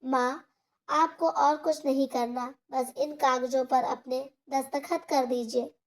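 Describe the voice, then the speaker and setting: A scheming grown son from a spoken storybook, voiced by a woman narrator. He coaxes slowly in a high, light voice. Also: fairly even intonation. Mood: sly.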